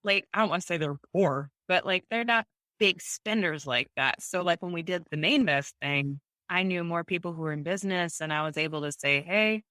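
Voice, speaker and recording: Animated woman interviewee, storytelling, slightly low voice, dry room. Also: normal speed, no room sound. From United States. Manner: animated, acts out voices in anecdotes, laughs often. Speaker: guest, home bakery owner.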